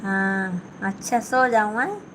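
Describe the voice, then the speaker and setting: A woman's voice: mid-range voice, lively intonation, takes it slowly, background noise. A woman with an Awadhi-flavoured Hindi accent, hosting a casual live stream from home while she sits and sews, reading out viewers' comments and answering them one by one. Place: at home, sitting and sewing.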